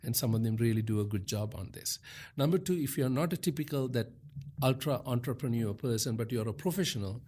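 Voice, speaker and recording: A man giving conversational advice as a podcast guest and coach, explaining in halting phrases. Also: medium pitch, warm tone.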